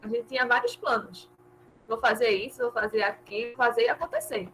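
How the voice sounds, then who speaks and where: A woman with a fairly high voice joins a church book club discussion over a video call. She chats informally and pokes fun at herself a little, with light noise behind her. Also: animated, a little fast, a bit bright, poor audio. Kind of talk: casual group discussion. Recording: faint background noise.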